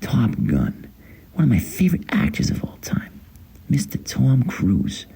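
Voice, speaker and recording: Man performing gushing male movie fan, middle-aged, breathy half-whisper, acted monologue, animated intonation. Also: medium pitch, measured pace, exaggerated voice. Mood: gushing wonder.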